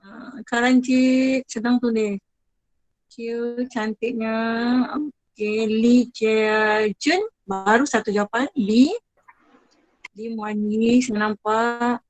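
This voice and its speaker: Malaysian lady teacher on a video call, kinda high voice, dry mic, keeps saying sorry and very good. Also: fairly even intonation, takes it slowly, no echo, low-quality recording. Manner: chatty, apologetic, praising students one by one. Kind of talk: online class with students.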